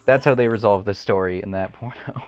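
A man's voice: on the low side, brisk, highs cut off. A young man in casual gaming voice chat, trading crude and silly banter. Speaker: online gamer.

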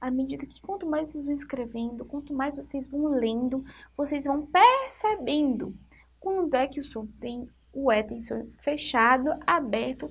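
A woman teaches a literacy lesson to young children, posing questions and answering them herself while stretching words out slowly, syllable by syllable. Her voice sits high, and the recording sounds muffled.

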